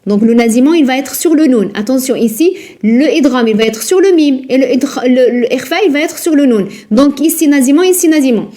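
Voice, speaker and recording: A woman teaching Quran recitation rules in a live lesson, patient and repetitive, drilling words slowly and asking her students questions. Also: high voice, lively intonation, dark tone. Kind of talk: live online tajwid lesson.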